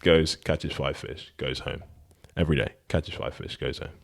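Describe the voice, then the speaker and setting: A man's voice: a bass voice, steady tone, moderate pace, vocal fry. A man hosting a casual podcast conversation who rambles, corrects himself and laughs often.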